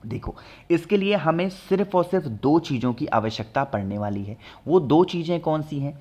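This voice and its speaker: A man's voice: fairly high pitch, animated, moderate pace, dark tone, lo-fi sound. A man explaining home ritual remedies in a chatty instructional talk, often checking in with viewers. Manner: chatty, repeats "ठीक है ना", addresses viewers directly. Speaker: astrology remedies presenter. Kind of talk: instructional talk with product pitch.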